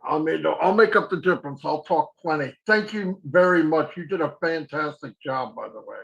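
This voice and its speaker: A man in his sixties, with a voice a little higher than most men's, presents as a guest speaker on a video call. He talks plenty, jokes about himself, and restarts his sentences as he goes. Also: normal speed, gravelly, a bit bright, muffled recording. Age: 60s. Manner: chatty, self-deprecating, restarts sentences. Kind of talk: casual presentation.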